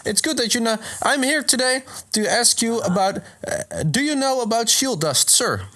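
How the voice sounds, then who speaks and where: A man's voice: very high-pitched, very animated, moderate pace, pushed and bright, voice pushed up, heavily acted. A man voicing a polite, eager male moth creature going door to door. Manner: prim, eager, courteous.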